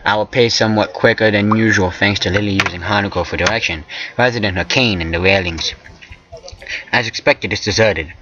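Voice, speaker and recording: A man's voice: fairly low pitch, fairly bright tone, highs cut off. A man reading a visual novel aloud for a let's play, stumbling over words and tossing in joking asides. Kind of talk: casual let's play narration.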